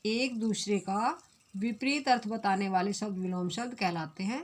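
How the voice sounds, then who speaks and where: A woman's voice: medium pitch, normal speed. Woman teaching a Hindi grammar lesson. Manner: clear, repeats definitions.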